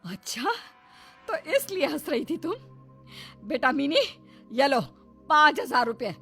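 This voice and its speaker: Woman playing a strict older mom-in-law, firm and motherly, lively pitch, faint music. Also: measured pace, gravelly, heavily acted. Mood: stern. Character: stern but fond older mother-in-law.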